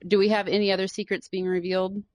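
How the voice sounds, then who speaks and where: A woman's voice: medium pitch, little pitch movement, fast talker, darkish tone, no room sound. A woman interviewing an actor in a chatty, enthusiastic way. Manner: chatty, enthusiastic fan questions. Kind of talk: casual interview chat.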